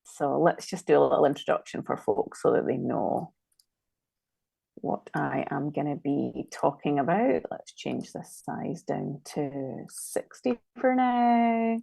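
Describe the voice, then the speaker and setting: A woman's voice: deep voice, animated, slow pace, creaky, mellow, slightly rough, dry recording. A woman with a Scottish accent, a designer chatting casually and thinking aloud as she works through a live-stream demo. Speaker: designer guest.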